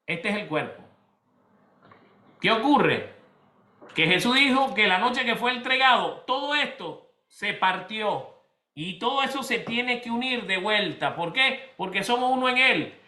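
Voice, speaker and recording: A male pastor delivers a conversational sermon in an echoey church room, talking straight to the people in front of him. His voice sits high for a man and rings very bright. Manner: conversational preaching, addresses congregation by name.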